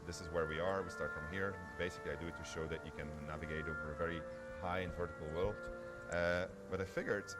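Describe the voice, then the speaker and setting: Speaking fast with few pauses, a low-voiced man keeps his intonation fairly even as he runs an informal live gameplay demo as its developer. He sounds hesitant, thinking aloud as he goes, over loud background music.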